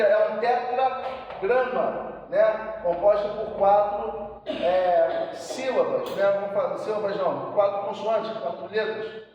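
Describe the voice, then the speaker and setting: A man teaches a church seminary class in an emphatic voice that sits high for a man, checking in with the room again and again. He is picked up from a distance in a large, echoing hall with long reverb and a faint hum of noise underneath. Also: darkish tone, lo-fi sound. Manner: emphatic, frequent "né?" check-ins. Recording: echoey hall from far off, faint background noise.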